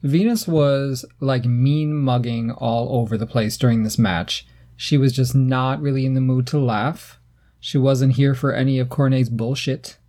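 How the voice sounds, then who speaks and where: A man in his thirties co-hosts a casual podcast, speaking at a medium pitch and a little slowly. He tells stories in an animated, playful, irreverent way.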